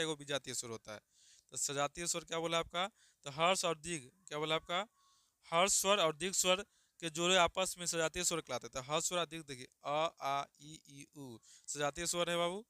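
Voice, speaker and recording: A man's voice: a little high, fairly even intonation, brisk, bright, forceful tone, clear, resonant tone, no echo, studio quality. A man teaching grammar online, repeating each question and answer and calling students "babu.". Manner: calls listeners "babu" affectionately. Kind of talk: online exam-prep lesson.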